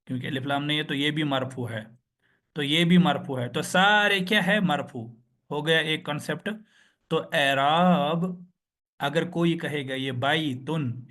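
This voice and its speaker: A man gives a grammar lesson over a video call, speaking slowly and repeating words for his learners. His voice sits a little higher than most men's. He quizzes the class and then supplies the answer himself. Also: a bit bright. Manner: slow, patient, repeats and drills words; asks the class questions and answers them himself. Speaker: Arabic teacher.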